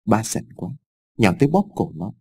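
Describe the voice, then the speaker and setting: A man's voice: fairly low pitch, very animated, normal speed, vocal fry, darkish tone, pitched below the performer's own voice, full character voice. Man voicing a crazed, stammering old father. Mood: crazed confession. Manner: stammering, half-mad confession. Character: guilt-crazed old village father, terrified.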